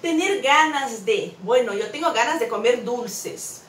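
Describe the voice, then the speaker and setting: A woman teaching a language class, patiently explaining and slowly repeating each verb form. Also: fairly high pitch, lively intonation. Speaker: Spanish teacher. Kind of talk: explanatory lesson. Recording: roomy, from a distance, faint hum.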